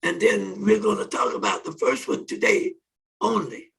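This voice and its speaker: A hoarse man hosting a conference on online radio, talking haltingly with many pauses and restarts. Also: high-pitched, expressive, fairly bright tone, recorded from a distance, low-quality recording. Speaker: conference host. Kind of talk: opening remarks on online radio. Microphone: phone or conference call.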